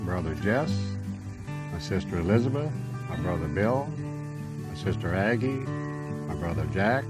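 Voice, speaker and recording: An older man with a low voice tells his story in a relaxed, folksy ramble, full of "uh" and "you know." He is speaking inside his travel trailer. Loud guitar music plays behind him the whole time. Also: measured pace. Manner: folksy, easygoing, rambling with fillers. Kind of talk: casual conversational storytelling.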